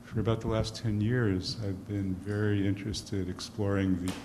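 Man introducing himself, deep voice, hesitant, echoey noisy room. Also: little pitch movement, moderate pace. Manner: thoughtful, hesitant. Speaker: retreat participant. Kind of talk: self-introduction in a group. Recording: echoey room with loud background noise.

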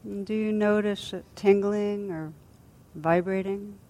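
Leading a body scan meditation, this teacher keeps her medium-pitched voice fairly even in intonation. She is gentle and soothing, taking her time and leaving long pauses.

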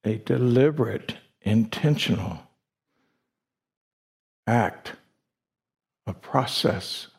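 Guiding a meditation in a retreat hall, the male teacher uses a medium-pitched, gravelly voice with an animated quality. He speaks deliberately, in brief phrases with long pauses in between.

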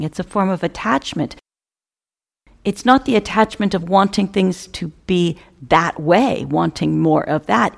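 A woman guides a meditation in a measured, contemplative manner, with pauses between short phrases whose ends trail off softly. Her voice is mid-range with vocal fry.

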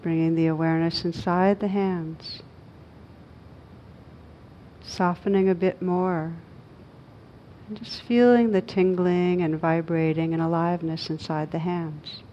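In a slightly dull recording with faint background noise, a female meditation teacher guides a meditation. Her low voice barely varies, and she leaves room between short, gently worded instructions.

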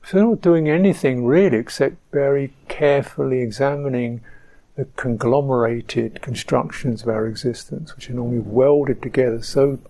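A man giving a slow, reflective dharma talk as a meditation teacher on a retreat, pausing often. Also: medium pitch, rough recording. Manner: slow, reflective, soft-spoken with pauses. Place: retreat centre hall.

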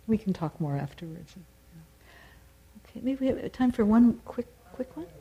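Answering questions from the audience after a dharma talk, this meditation teacher and singer is thoughtful and searching, often pausing and restarting. Her voice leans high, with lively intonation and a mellow tone, though the audio sounds dull.

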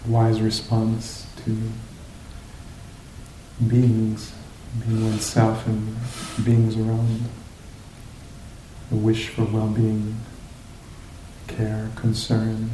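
A male meditation teacher guides a group through an unscripted, reflective meditation, speaking very slowly in a lowish, warm voice with completely flat delivery. He sounds hesitant and searching, pausing between short phrases. The space is roomy, with a faint rumble underneath.

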